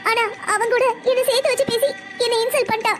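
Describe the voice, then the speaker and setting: A woman's voice: extremely high pitch, steady tone, fast, over loud music. A woman voicing a heartbroken seventeen-year-old girl in a family cartoon, complaining through tears. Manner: tearful, complaining. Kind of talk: cartoon voice acting.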